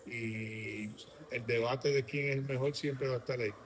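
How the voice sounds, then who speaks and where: A middle-aged man with a Puerto Rican Spanish accent, answering interview questions in a halting way with many restarts. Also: mid-range voice, steady tone. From Puerto Rico. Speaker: guest.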